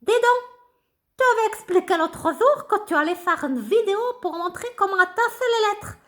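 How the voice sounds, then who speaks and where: Woman voicing Ratoun, a squeaky little mouse puppet. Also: moderate pace. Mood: chirpy. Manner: bouncy, excited questions. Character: chirpy little female mouse puppet, eager and curious. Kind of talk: children's puppet show.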